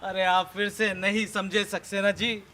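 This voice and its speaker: A man's voice: high-pitched, level tone, normal speed, sharp tone. A man playing a fussy male neighbor who brings complaints and patiently repeats himself at length. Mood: complaining.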